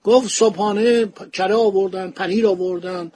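A man's voice: high-pitched, steady tone, darkish tone, no echo. A man speaking, retelling a historical travel account in a casual storytelling manner as a podcast host. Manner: anecdotal retelling, acts out quoted dialogue. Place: home study with bookshelves.

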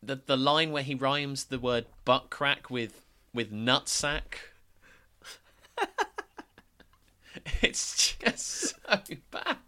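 A man's voice: mid-range voice, expressive, very slow, long pauses, pushed and bright. Exasperated male podcast co-host. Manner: exasperated, stumbling. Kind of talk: casual podcast chat.

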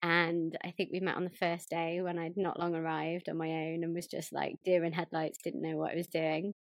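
A woman's voice: lowish voice, level tone, normal speed, dry recording, clean studio sound. A woman hosting a self-development podcast, reading a scripted guest introduction and then chatting. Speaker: podcast host. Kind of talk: podcast interview.

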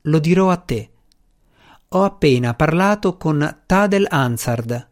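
A man's voice: on the high side, animated, slow pace. A man voicing a frustrated, insistent male space official who speaks urgently and presses his point.

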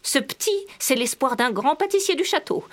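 A man performs a quick-witted young woman, indignant and persuasive. The voice leaps high and swings widely in pitch. A storybook scene. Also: animated. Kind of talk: storybook voice acting.

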